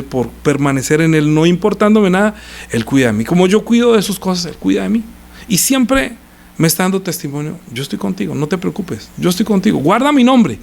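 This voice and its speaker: Predicador colombiano de voz aguda y cambiante. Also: male voice. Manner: conversational preaching with sudden pitch leaps, questions to listeners. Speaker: pastor. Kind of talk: sermon.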